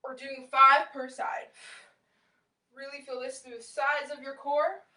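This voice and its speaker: A young woman fitness instructor with a bright, higher-pitched voice, cueing moves and encouraging her class as she exercises. She is recorded from across a small, echoey room at home. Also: level tone, a little slow. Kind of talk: live home workout class instruction, counting reps. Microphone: far camera across the room. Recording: roomy echo, distant camera mic.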